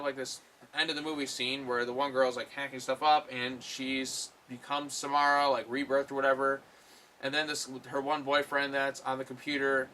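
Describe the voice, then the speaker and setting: A man's voice: medium pitch, bright, forceful tone, slight background noise. A man giving a casual, rambling film review, full of fillers and blunt swearing. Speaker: movie reviewer.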